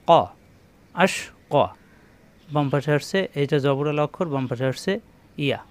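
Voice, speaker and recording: A man with a slightly raised voice leads a Quran reading lesson. He drags out each syllable and says the sounds again and again. He turns to his viewers with plain instructions. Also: fairly high pitch. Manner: slow, drawn-out demonstration of letter sounds, repeating syllables; addresses viewers directly with instructions. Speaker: Quran recitation teacher.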